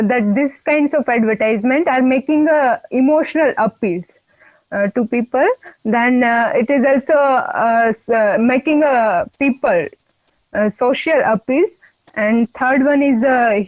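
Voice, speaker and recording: A young woman, giving a halting class presentation over a video call and often restarting words. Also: fairly high pitch, darkish tone, dry recording, poor audio. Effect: heard over a video call. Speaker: student presenter.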